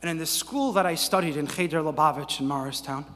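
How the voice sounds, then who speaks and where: A man, a rabbi, giving a conference keynote like a sermon, moving from quiet storytelling to ringing exhortation into a podium microphone in a large hall. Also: a little high, fast talker, a little hiss or hum. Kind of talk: impassioned sermon-style keynote. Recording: hall reverb, faint ambience.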